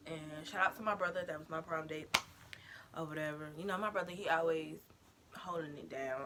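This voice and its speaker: Young woman doing a storytime vlog, bright voice, chatty and slangy, bit of background hiss. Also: low voice. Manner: animated, slangy storytelling, addresses viewers as y'all. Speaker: vlogger.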